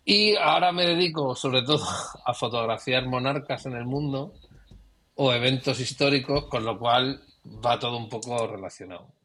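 A guest photographer, middle-aged and from Spain, discusses his career reflectively in a conversational interview, with trailing restarts. His mid-range voice, at normal speed, sounds pushed and bright, slightly rough.

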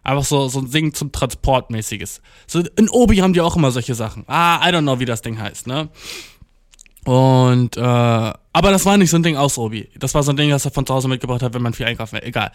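A man's voice: medium pitch, animated, fairly quick, no room sound, studio quality. Slangy young man rambling casually. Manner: slangy, mixes in English words; acts out quoted dialogue while storytelling. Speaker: solo talker.

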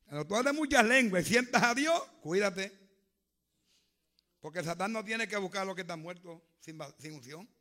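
A man preaching a fervent sermon, swinging from hushed to loud. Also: high voice, lively intonation, normal speed.

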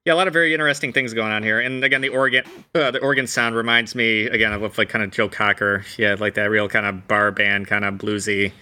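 A man co-hosting a podcast, talking haltingly while fighting the hiccups. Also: fairly low pitch, fairly even intonation, bright, forceful tone. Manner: halting, searching for words. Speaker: podcast co-host.

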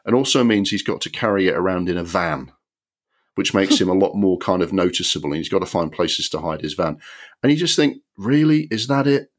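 A man hosting a film podcast, giving an animated, exasperated review with many ums and the odd swear word. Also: deep voice, a little fast.

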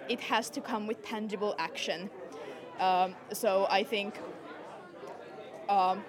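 A young woman from Finland, a scout, giving earnest, thoughtful interview answers. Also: mid-range voice. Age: young adult. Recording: crowd chatter behind.

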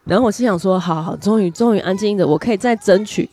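A woman co-hosting a podcast, telling a personal story with lively energy and frequent laughter. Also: medium pitch, fast talker. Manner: lively storyteller, laughs often while talking. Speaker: podcast co-host. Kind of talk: casual chat, personal storytelling.

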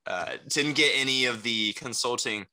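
The audio is poor as this young adult interview guest, a salesperson and rapper who speaks Mandarin Chinese natively, rambles through casual answers full of "you know" and "right?" tags. His medium-pitched voice sounds pushed and bright at a moderate pace.

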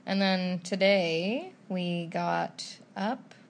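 A young woman talks through her day in easygoing vlog chat, giggling and teasing as she goes. Her voice has a gravelly, fry-tinged edge over a faint hiss of background noise. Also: lowish voice, drawn-out words. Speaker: travel vlogger. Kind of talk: casual chat.

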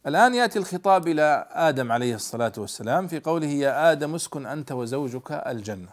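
A male scholar explaining a Quran commentary in a classroom lesson, stressing quoted words and slowing down to spell out readings. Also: fairly high pitch, animated.

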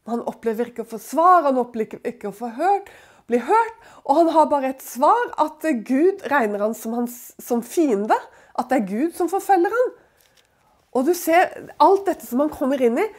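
A woman's voice: high-pitched, darkish tone. A woman giving a conversational Bible teaching, talking in a chatty way with many fillers and tag questions to her listeners.

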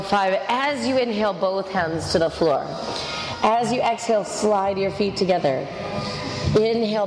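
A woman teaching a yoga class, giving directive step-by-step cues and counting breaths. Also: mid-range voice. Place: large echoey indoor studio with a class. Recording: echoey hall with music behind. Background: music.

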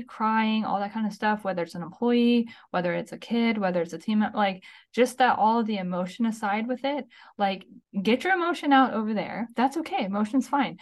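Chatty woman co-hosting a podcast. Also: medium pitch. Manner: chatty, frequent "like" and "okay?" check-ins. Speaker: podcast co-host. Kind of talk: casual conversational advice.

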